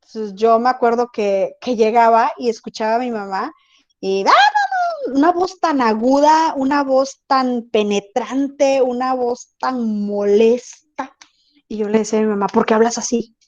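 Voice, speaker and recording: A woman with a voice on the high side and a darkish tone teaches an online class at a moderate pace over a video call, with dull audio. She's conversational and often asks whether her students are following.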